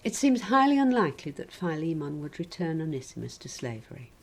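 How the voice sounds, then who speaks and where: A woman preaching a sermon in a measured, gently wry reflective way. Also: deep voice, sing-song, rough recording.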